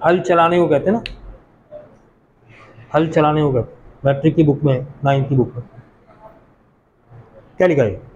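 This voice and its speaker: A man from Pakistan teaching a class, explaining English pronunciation patiently, repeating words slowly and putting questions to the students. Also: on the high side, darkish tone, slight background noise, poor audio. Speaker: college teacher.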